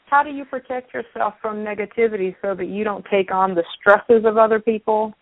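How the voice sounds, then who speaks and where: A woman's voice: mid-range voice, fairly even intonation, a little fast. A woman hosting a radio show in a conversational interview style. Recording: thin, phone-like radio sound.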